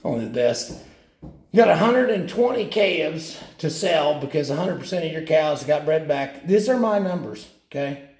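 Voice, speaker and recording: A man's voice: animated, moderate pace, a little mellow. A man who is a real estate agent, talking casually and jokily about farm numbers from inside a steel milk tank. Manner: folksy, self-mocking, jokey. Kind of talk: casual video monologue. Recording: boomy echo inside a metal tank.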